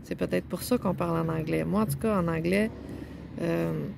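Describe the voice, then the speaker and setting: A woman's voice: lowish voice, moderate pace, vocal fry, noisy background. A woman with a Québécois French accent, talking casually and musing aloud as she shows pages of a book, rambling and hesitant, playing on words.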